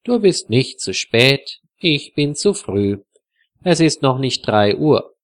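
A man voicing a polite, friendly young male visitor in a slow storybook reading. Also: medium pitch, big pitch swings.

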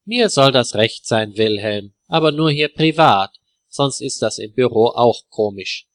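A man's voice: medium pitch, animated, measured pace, dry recording, natural voice. A man voicing a stern male office boss in a spoken story, reproachful in tone. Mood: wry.

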